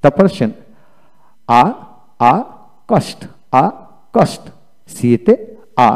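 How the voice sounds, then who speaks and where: A man from Bangladesh, teaching an English video lecture, repeating each word slowly and spelling it out letter by letter. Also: fairly high pitch, very animated, vocal fry.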